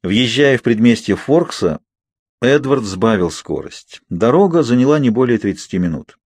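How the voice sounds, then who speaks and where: A man narrating an audiobook in an even, measured way. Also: medium pitch, breathy edge, no echo, studio quality. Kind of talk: scripted narration.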